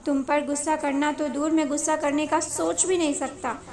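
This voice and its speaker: A woman's voice: high-pitched, steady tone, moderate pace, darkish tone. A woman voicing a playful young man in a romance story, boyish and pleading. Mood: tender. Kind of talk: storybook narration.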